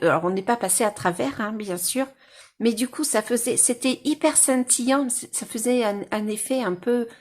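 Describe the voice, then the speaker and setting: A woman with a somewhat high voice chats casually at home. She rambles and restarts often, filling her pauses as she talks viewers through her coloring pages. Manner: rambling and chatty, with many fillers and restarts. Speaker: coloring-book YouTuber.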